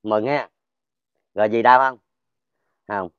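Southern Vietnamese man, smooth low voice. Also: fairly even intonation, slow pace, dry recording, dull audio. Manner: keeps checking for pain, loud cheerful exclamations. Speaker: folk healer. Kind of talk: casual talk while treating a patient.

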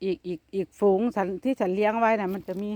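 A woman with an Isan accent talking casually to her viewers while walking outdoors in a forest, now and then calling loudly to her cats. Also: mid-range voice, fairly even intonation, fast talker, no echo. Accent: Isan (Northeastern Thai). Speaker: vlogger.

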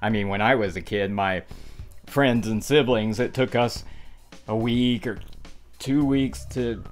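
A man's voice: lowish voice, a little slow. A middle-aged man presenting a video game show casually to camera, with tongue-in-cheek horror-host flourishes. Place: small dark indoor room. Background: guitar music.

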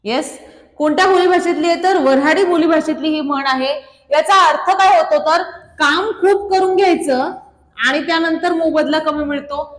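A woman teacher with a Marathi accent runs an online exam-prep quiz, reading out options, repeating each question and praising students by name. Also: high voice. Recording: echoey room with long reverb.

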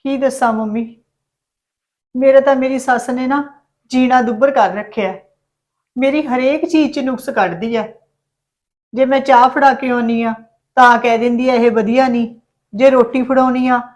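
An actress playing a tearful young daughter-in-law, speaking softly and pleading in a drama. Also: female voice, a little high, steady tone, moderate pace, long pauses, natural voice. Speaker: actor. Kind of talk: Punjabi web drama acting.

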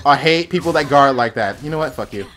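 A man casually commentating his gameplay on stream, excitable, with loud outbursts, swearing and frequent laughs. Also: medium pitch, quick pace, faint music behind.

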